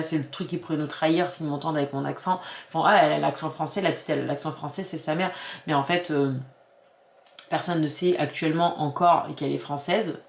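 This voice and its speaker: A woman's voice: deep voice, gravelly. A woman from France in her forties, chatting casually as a vlogger at home, rambling with many restarts and fillers. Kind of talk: casual chat. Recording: echoey room.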